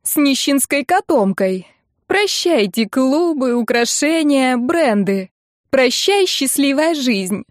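Lady reader doing nasal hysterical big sister, wailing high and tearful, dry close audio. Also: lively intonation, takes it slowly, no echo. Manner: shrill, wailing on one note. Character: hysterical tearful young woman, older sister.

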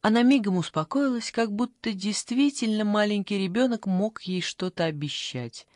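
An audiobook narrator reading a literary story in a measured, even storytelling manner. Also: medium pitch, no echo, studio quality.

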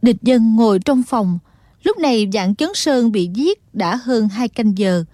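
A woman reads a martial-arts audiobook in a steady, dramatic storytelling manner. Her voice sits fairly high and sounds close and dry, with no room around it. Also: a little slow, no room sound, faint music behind. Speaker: audiobook narrator. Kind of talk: dramatic scripted narration.

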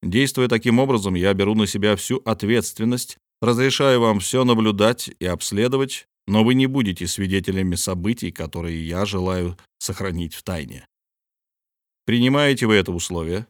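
Voicing a submarine captain who is stern and proud, a man with a lowish voice reads an audiobook part in a cold, measured, authoritative tone. It's lightly acted, and the studio sound is clean with no room noise.

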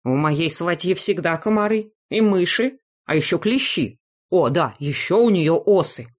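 A woman voicing a fussy, loud old grandmother in an audiobook, who is indignant and blames everyone else. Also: on the low side, expressive, unhurried. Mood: defiant. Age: older. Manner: indignant, bossy, blames others. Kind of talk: audiobook character voice.

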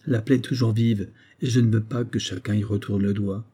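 A man's voice: on the low side, steady tone, fairly quick, dark tone, husky. A man voicing a proud, heartbroken young soldier with an emphatic delivery in an audiobook reading. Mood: pained. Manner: pleading then heated, emphatic.

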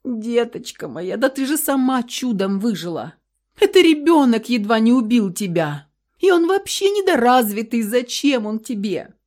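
A woman's voice: dark tone, slightly rough, full character voice. A woman voicing a middle-aged mother who pleads tearfully and urgently with her daughter in an audiobook. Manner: high, pleading, sobbing.

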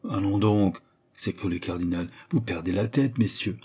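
A man's voice: low-pitched, moderate pace, mellow, breathy edge. A man voicing a haughty, indignant older cardinal-prince with an imperious, lofty manner.

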